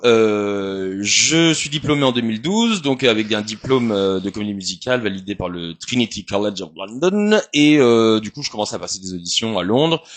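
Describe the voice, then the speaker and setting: Man in his thirties with a lowish voice, a performer recounting his career in a relaxed interview, rambling and full of hesitations. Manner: chatty, rambling, hesitant with many fillers. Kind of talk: casual storytelling interview.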